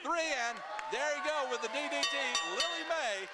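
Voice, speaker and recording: A man's voice: extremely high pitch, expressive, moderate pace, over a noisy crowd. A man calling live wrestling action as play-by-play commentator in a noisy venue.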